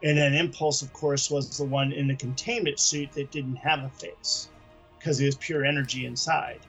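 A man's voice: medium pitch, steady tone, normal speed, fairly bright tone, soft background music. A man co-hosting a podcast, chatting casually about comics in a rambling, enthusiastic way. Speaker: podcast co-host.

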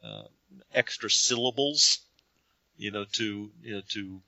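A man's voice: lowish voice, huge pitch swings, unhurried, vocal fry, pushed and bright, no room sound, lo-fi sound. A man co-hosting a podcast, talking emphatically about an album and repeating himself as he builds a point. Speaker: podcast co-host. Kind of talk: casual album discussion.

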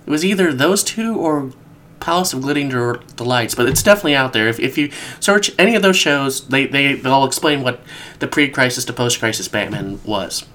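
A man's voice: medium pitch, a little fast, slight background noise. A man from the American Midwest hosting a casual podcast, stuffed up from a cold, rambling and correcting himself as he goes. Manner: rambling, animated, self-correcting. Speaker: podcast host.

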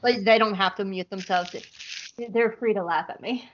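A woman's voice: mid-range voice, moderate pace, highs cut off, slight background noise. A woman co-hosting a podcast, reading a comedic episode recap in a playful, giggly way from home over a call. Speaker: podcast co-host.

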